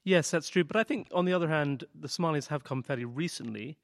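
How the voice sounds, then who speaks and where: A man reporter explaining a situation in a measured, thoughtful way during a studio discussion. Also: on the high side, gravelly, dry recording.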